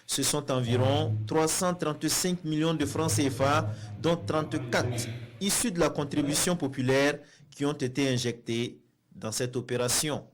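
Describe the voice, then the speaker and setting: A man narrating a television news report in a measured, formal delivery. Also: a little high.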